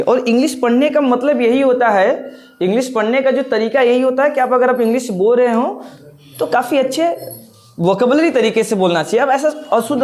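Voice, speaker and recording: A man's voice: extremely high pitch, darkish tone. A male teacher giving a grammar lesson, explaining step by step with repeated words and rhetorical questions.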